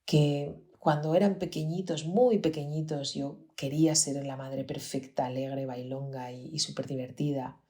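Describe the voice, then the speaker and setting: A woman's voice: sits low, steady tone, moderate pace, hardly any pauses, dark tone. A woman with a Spanish accent from Spain, hosting a podcast and reflectively telling a personal story, often dropping to a near-whisper. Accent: Peninsular Spanish. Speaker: podcast host, pediatrician.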